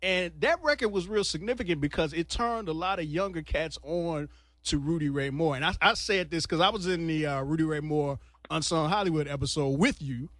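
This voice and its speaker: A man's voice: fairly high pitch, fairly quick, a bit bright, no room sound. A man hosting a radio interview, talking eagerly and conversationally like a fan. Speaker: radio host.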